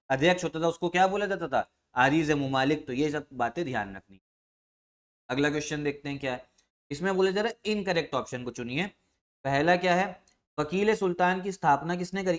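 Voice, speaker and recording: A man teaching an exam revision lesson who asks questions and answers them himself, repeating key terms and often clearing his throat. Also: on the high side, a bit bright.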